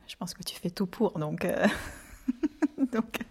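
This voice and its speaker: Woman interviewer, low voice, gravelly fry, casual familiar questions. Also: measured pace, a little mellow. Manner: casual, familiar address with fillers.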